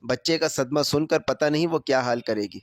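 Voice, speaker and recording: A man's voice: on the high side, no echo, natural voice. A worried mother, voiced by a male narrator. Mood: concerned. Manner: firm but caring. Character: worried middle-aged mother, calming others.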